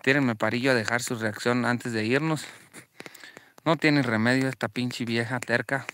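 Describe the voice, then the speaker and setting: A man with a Mexican Spanish accent hosting a livestream. He is profane and taunting, shouting jeers at someone and then dropping to low asides for his viewers. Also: fairly even intonation, normal speed, a little hiss or hum. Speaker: livestream host. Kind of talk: livestream vlog.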